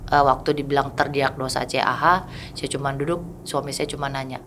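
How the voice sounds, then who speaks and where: A woman's voice: a bass voice, flat delivery, a little fast, background noise. A woman in her thirties, a mother giving an interview, telling her story candidly and often acting out what other people said to her. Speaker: mother of a child with a rare condition, interview guest. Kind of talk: casual interview talk.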